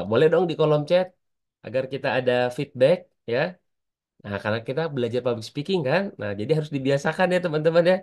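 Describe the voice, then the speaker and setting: A man teaching an online public speaking class, chatty and constantly asking his students for answers. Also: mid-range voice.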